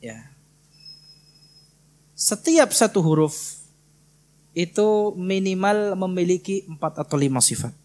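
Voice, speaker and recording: A man from Indonesia teaching Quran recitation in a prayer hall, patiently drilling and gently correcting students. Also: sits high, lively intonation. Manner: slow, patient, drills students by repeating syllables. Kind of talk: tajwid lesson with live correction.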